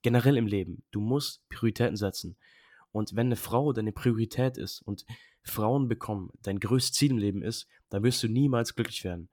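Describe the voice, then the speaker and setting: A young man on a casual podcast, his voice sitting low. He talks bluntly and emphatically, heavy on slang, and the recording is dry and close. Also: normal speed, a little mellow, dry recording. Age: young adult. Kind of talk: casual chat.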